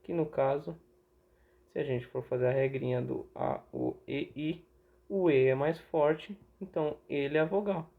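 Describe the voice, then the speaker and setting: A man's voice: fairly high pitch, measured pace, vocal fry. A young Brazilian man giving a casual online lesson, chatty, asking and answering his own questions. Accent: Brazilian Portuguese. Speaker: teacher. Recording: tinny phone-like audio.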